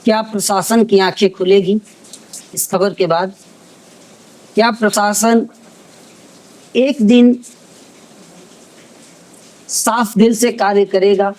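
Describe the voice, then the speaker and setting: A man working as a news reporter, interviewing and then closing with measured rhetorical questions. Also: sits high, fairly even intonation, a little mellow, poor audio.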